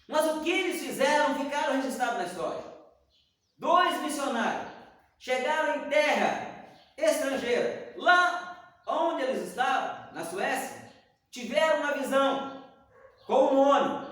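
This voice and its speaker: A Sunday school teacher with an extremely high-pitched voice leads a church Bible lesson, animatedly telling stories and acting out the dialogue. He speaks unhurriedly with long pauses, picked up by a distant mic in an echoey hall.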